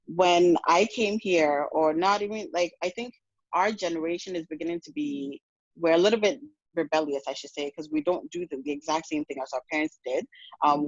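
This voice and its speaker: A woman's voice: low voice, dry recording, dull audio. A woman from Ghana, speaking frankly in a casual podcast conversation, often restarting and adding "you know". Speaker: podcast guest.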